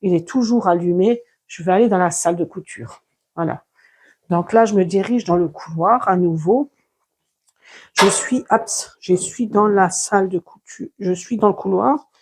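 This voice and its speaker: Casual home vlogger, mid-pitched, rambling and filler-heavy, recorded on a clip-on phone mic while moving around the house. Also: moderate pace, slight background noise. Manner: rambling, chatty, with frequent fillers and restarts. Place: home, moving between office and sewing room. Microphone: clip-on lapel mic plugged into a phone.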